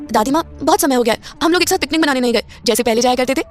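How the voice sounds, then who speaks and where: A woman voicing a spirited, quick-tempered young woman heroine in a spoken audio story, in a high, lively voice. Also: faint music behind, lightly acted. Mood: cheerful.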